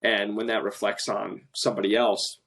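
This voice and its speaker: Animated man telling a work story. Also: lowish voice, moderate pace, creaky. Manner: animated storytelling, quoting others, self-described passionate. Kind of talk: casual podcast conversation. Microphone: remote call.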